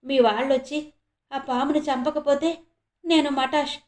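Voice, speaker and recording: A woman's voice: sits high, steady tone, measured pace. A woman voicing a frightened, worn-out male snake charmer in a storybook reading, speaking weakly. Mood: weary. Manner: weak, shaken. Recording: roomy echo.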